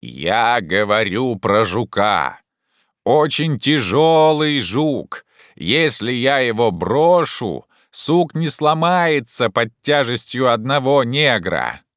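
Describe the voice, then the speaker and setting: A man voicing a simple, cautious male servant who calls out in a slow, drawn-out way. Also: medium pitch, sing-song, pushed and bright, no echo, clean studio sound, pitched above the performer's own voice, full character voice. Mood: calling out.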